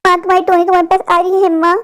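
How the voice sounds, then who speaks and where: A woman doing a very high-pitched determined little girl. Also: monotone, racing, fairly bright tone. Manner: earnest, pleading, talks to herself. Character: determined little girl searching for her mother. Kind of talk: cartoon storytelling.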